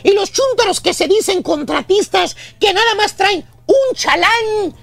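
High, gravelly Mexican man ranting for laughs. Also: animated, unhurried, fairly bright tone. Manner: scolding, mocking storyteller acting out dialogue. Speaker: radio comedy host. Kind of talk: comic radio rant.

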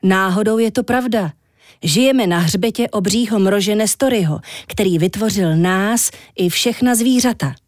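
A woman's voice: mid-range voice, darkish tone, no room sound, clean studio sound, close to an everyday voice. A woman reading a children's story, voicing a grumpy, complaining young man. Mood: plain. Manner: grumbling, complaining.

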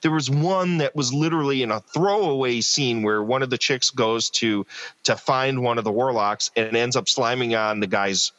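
A man's voice: medium pitch, steady tone, moderate pace, a bit bright, dry recording, lo-fi sound. A man hosting a casual film discussion, ranting in an emphatic, incredulous and profane way. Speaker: podcast host reviewing films.

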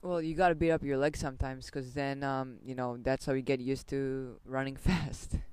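A young man co-hosting a casual podcast, giving relaxed, reassuring advice with lots of fillers. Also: medium pitch, normal speed, smooth. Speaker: podcast co-host. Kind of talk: casual chat.

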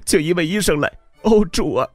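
A man's voice: high voice, animated, fast, no room sound, soft background music, voice pushed up. A man voicing a distressed young woman who pleads and cries out urgently. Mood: urgent pleading. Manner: pleading, crying out.

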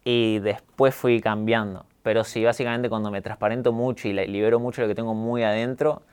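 Young Argentine male guest, neutral Argentine accent, clean smooth timbre, calm and candid. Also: lowish voice, brisk. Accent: neutralized Argentine Spanish. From Córdoba, Argentina. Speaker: guest, YouTuber. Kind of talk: casual interview talk.

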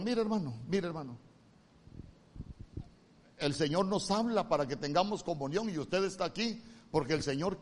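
A male pastor with a Honduran accent preaching a sermon, moving from loud emphatic calls to soft, hushed lines. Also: fairly high pitch. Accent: Honduran Spanish.

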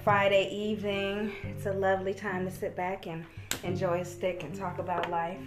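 A woman's voice: medium pitch, little pitch movement, normal speed. A woman speaking as a guest in a casual podcast interview, explaining things conversationally. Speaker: podcast guest, skincare entrepreneur. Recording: loud music behind the voice.

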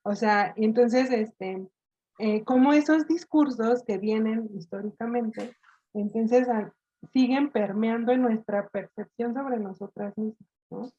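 A woman's voice: a little high, slow, dark tone, highs cut off. A woman guest on a podcast, talking thoughtfully and hesitantly with many fillers. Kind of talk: casual podcast chat.

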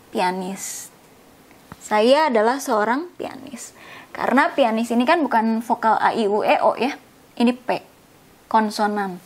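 A woman with a high voice gives a language lesson at an unhurried pace. She explains patiently, repeats each word slowly and checks in with her listeners as she goes. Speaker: English teacher.

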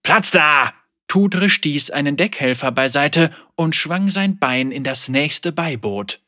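A man narrating a dark seafaring tale with vivid, dramatic storytelling. His voice is bright and forceful. The recording is dry and close. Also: on the high side, expressive, takes it slowly, dry recording. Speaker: audiobook narrator.

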